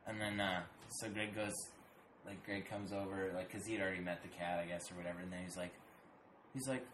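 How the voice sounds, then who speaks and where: A man co-hosting a podcast, telling stories in casual chat, swearing a lot and acting out animated impressions. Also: low-pitched, brisk. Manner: profane storytelling, animated impressions. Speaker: podcast co-host. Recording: roomy echo with clear background noise.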